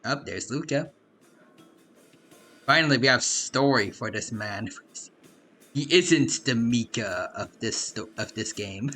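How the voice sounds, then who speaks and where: Chatty guy streamer, really lively pitch swings, bright voice, soft music behind. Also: slow pace, pauses often. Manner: chatty, animated. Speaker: game streamer. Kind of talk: casual live game commentary and chat.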